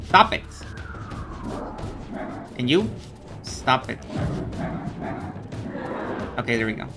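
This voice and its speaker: A man streams a video game with music faintly behind him. His voice sits at an average pitch, and his commentary is casual, informal and off the cuff. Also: lively intonation, slow pace.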